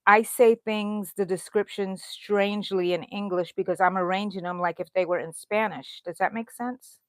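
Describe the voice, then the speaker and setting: A middle-aged crochet channel host from Houston, Texas chats loosely with her livestream viewers, answering their comments as she crochets. Her voice is medium in pitch with a steady tone at normal speed, and the recording is dry.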